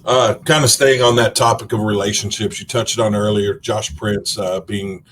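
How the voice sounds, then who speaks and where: Guy interviewing, lowish voice, friendly, says y'all, slight hiss. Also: steady tone, normal speed, a bit bright. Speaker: interviewer, tourism sales director. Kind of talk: conversational interview questions.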